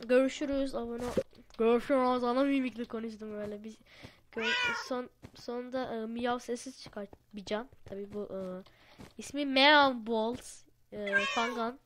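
A woman chatting excitedly at home while playing a game, laughing often, recorded on a headset mic. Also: on the high side, normal speed, slight background noise. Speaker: gaming channel host. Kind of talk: casual gameplay commentary.

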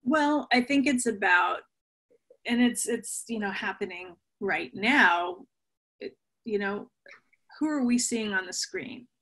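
A middle-aged woman, an author and guest, answering interview questions thoughtfully over a video call from a home room, pausing with fillers and restarting her sentences. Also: medium pitch, expressive, fairly bright tone. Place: home room with bookshelves and shuttered windows. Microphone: laptop webcam on a video call.

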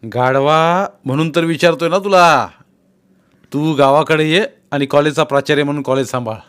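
A man's voice: fairly high pitch, normal speed, fairly bright tone, clean tone, natural voice. A man doing a shrewd village politician, coaxing. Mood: coaxing, persuasive. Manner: pressing, coaxing, teasing. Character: shrewd male village politician, middle-aged, persuasive.

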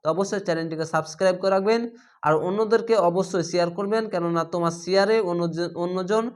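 In this Quran recitation lesson, a man spells out each word letter by letter, then recites it slowly with drawn-out sounds. He patiently goes over the rules again and again, now and then quizzing the viewer. His voice is high, steady in tone, and smooth.

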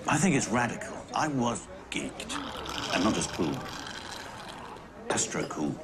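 A man's voice: lowish voice, very animated, measured pace. Jumpy exasperated man. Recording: noisy background.

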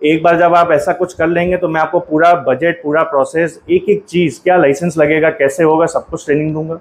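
A man in his thirties speaks straight into a phone held at arm's length, promoting his business in a persuasive salesman's manner. His voice sits a bit high for a man. A faint hum runs under the recording. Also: little pitch movement, brisk, low-quality recording. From India. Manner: persuasive salesman, direct address to viewers. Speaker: detergent company owner and trainer. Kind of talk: promotional factory tour and pitch. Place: factory floor, then small office indoors.

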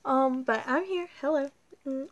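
A young woman with a drawl chats straight into her tablet camera at home, rambling and excitable, her sentences full of ums and likes. Her voice sits a little high. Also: measured pace, highs cut off. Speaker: vlogger. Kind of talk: casual chat to camera. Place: indoors at home, dim room. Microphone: tablet camera held close.

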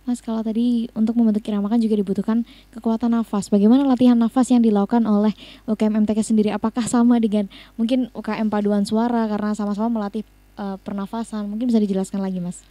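Woman, radio host, fast, warm mellow tone, dry studio sound. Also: on the high side, flat delivery, dry recording. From Indonesia. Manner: quick, encouraging interviewer with soft affirmations. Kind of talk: radio talk show interview.

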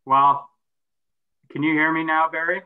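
Man chairing on a breaking-up call, tinny, flat, halting. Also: fairly high pitch. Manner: halting, with many pauses and fillers. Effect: choppy, breaking-up stream audio. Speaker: mayor chairing a council meeting. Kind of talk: meeting chat over a video call. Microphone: video call. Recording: tinny phone-like call audio.

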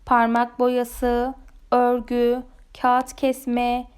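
A woman's voice: a little high, monotone, drawn-out words, a little mellow, clear, resonant tone, pitched below the performer's own voice. A woman voicing a cheerful, playful fish with fingers in a children's storybook reading. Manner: playful, teasing.

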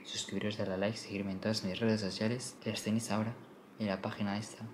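A young man chats to his camera at home in a casual vlog. His voice sits fairly low and is picked up by a compact camera mic, with a faint hiss behind it. He is playful and self-mocking, dropping in English phrases as he goes. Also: little pitch movement, fast talker. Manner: chatty, mixes in English phrases. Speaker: vlogger.

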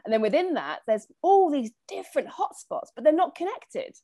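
A woman interviewing a doctor, chatty and self-deprecating, asking questions in a lively, friendly way. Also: high-pitched, normal speed, no room sound, studio quality. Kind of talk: video call interview.

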